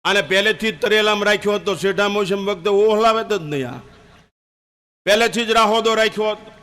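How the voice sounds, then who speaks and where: An older man preaching a fiery sermon, emphatic and at times shouting. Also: high-pitched, moderate pace, soft background music.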